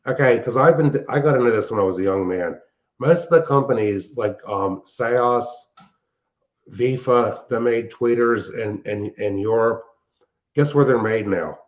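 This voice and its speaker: The recording has a dull, band-limited sound. On it, an older man, a show host and hobbyist, explains technical things in a casual, rambling way, speaking unhurriedly at medium pitch.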